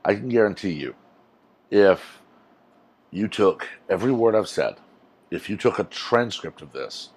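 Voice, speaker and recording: Speaking directly to camera, this YouTuber, a man in his forties, delivers an earnest, emphatic, rambling rant. His voice is deep, low, and a little mellow, picked up close by a lapel mic in a small room indoors.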